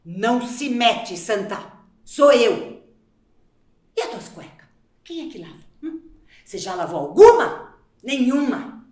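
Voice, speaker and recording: An actress playing an overworked, exasperated housewife on a theater stage, swinging from hushed pleading to shrill outbursts. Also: female voice, big pitch swings, moderate pace, long pauses, echoey room. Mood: indignant. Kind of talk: live stage theater acting.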